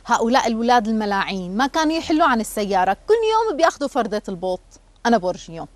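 Abu Nadim, a woman doing a gruff, hurried taxi driver. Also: high voice, sing-song, dry recording. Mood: irritable. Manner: grumbling, impatient.

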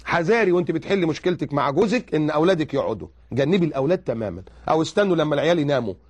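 A man with an Egyptian accent giving religious advice, animated and full of rhetorical questions. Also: fairly high pitch, very fast, breathy edge. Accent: Egyptian Arabic. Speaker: preacher.

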